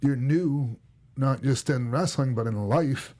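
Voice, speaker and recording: A middle-aged man with a Minnesota accent tells old stories on a podcast. He rambles, circles back and fills gaps with ums and you-knows. His voice sits at an everyday pitch. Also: slow pace, a little mellow. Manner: rambling, many restarts and fillers. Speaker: podcast host and former wrestler. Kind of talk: casual podcast storytelling.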